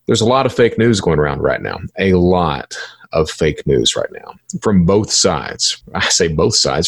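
A low-pitched, middle-aged man hosts an informal solo podcast, delivering his monologue in a theatrical, folksy, emphatic style peppered with rhetorical questions.

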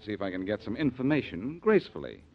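A man's voice: fairly low pitch, sing-song, fast talker. A wisecracking tough guy on an old radio show. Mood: cocky. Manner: cocky, needling banter. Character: tough, wisecracking male adventurer. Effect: old radio show broadcast. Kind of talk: 1940s radio acting. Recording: dull lo-fi vintage radio recording.

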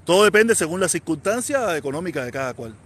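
On a live stream, a Cuban man in his forties from Havana rambles casually, answering viewer comments and repeating himself in a Cuban accent. He talks fast in a fairly high, very animated, slightly bright voice.

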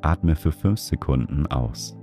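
A man's voice: extremely low pitch, expressive, slow, warm tone. A man guiding a breathing meditation, counting breaths in short, spaced words. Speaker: meditation guide. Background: music.

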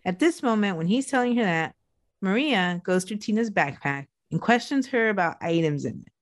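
A woman's voice: mid-range voice, lively intonation, normal speed, no echo, clean studio sound. A woman co-hosting a podcast, telling a true crime story in a loose, chatty way with some swearing. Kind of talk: casual true crime narration.

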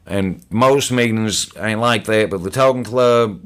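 A man's voice: on the low side, unhurried. A man speaking as a podcast guest, telling his story in a casual, blunt, profane way and restarting sentences as he goes. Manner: blunt and profane, gets loud when reliving moments; repeats words as he restarts sentences.

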